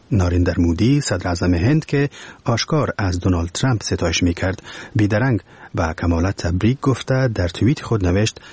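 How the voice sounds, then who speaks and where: Husky-voiced Afghan Dari news correspondent. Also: male voice, lowish voice, darkish tone, no echo. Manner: measured formal delivery. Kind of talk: news report.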